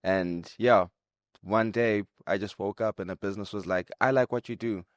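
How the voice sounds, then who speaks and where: A young man from Zimbabwe, a guest content creator, answering interview questions in a relaxed, conversational way, often adding "like" and "right?". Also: lowish voice, normal speed, dry recording.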